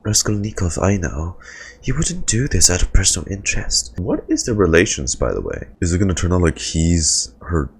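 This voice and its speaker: A man's voice: low voice, very animated, moderate pace, creaky, a little hiss or hum. A young man streaming a game reaction, chatting casually, joking and laughing often.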